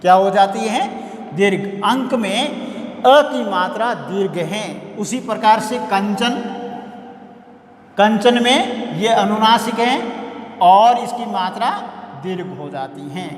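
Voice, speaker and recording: In a room with long, echoing reverb, a male college teacher lectures his class slowly in a high, expressive voice. He repeats key words and poses questions to the students as he explains.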